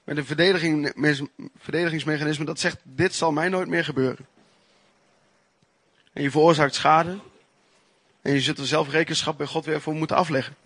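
A man preaching a sermon, telling his own testimony in an earnest, emphatic way with pauses and restarts. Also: a little high, steady tone, a bit bright, dry recording.

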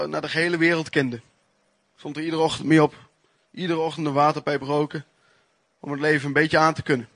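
A man preaching a sermon, telling his own testimony in an earnest, emphatic way with pauses and restarts. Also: a little high, vocal fry, a bit bright, no echo.

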